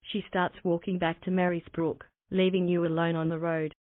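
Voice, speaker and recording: A synthetic female voice narrating a text adventure story in an even, mechanical way. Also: medium pitch, normal speed, no echo. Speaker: narrator of the game's generated story. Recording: thin, phone-like dry synthetic audio.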